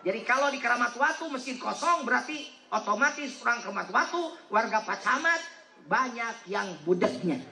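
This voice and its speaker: A man's voice: very high voice, expressive, moderate pace, creaky, sharp tone, slight background noise. A man from West Java, giving a humorous sermon and teasing the congregation into answering back. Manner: joking, teasing the audience, asking it to answer back. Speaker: preacher. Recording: echoey hall with faint crowd.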